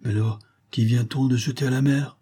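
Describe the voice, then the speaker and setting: A man's voice: medium pitch, fairly even intonation, fairly quick, dark tone, slightly rough, pitched above the performer's own voice, close to an everyday voice. A man reading an audiobook voices a scheming woman adventuress who hisses her lines with venom and hatred. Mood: furious. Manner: hissing, venomous.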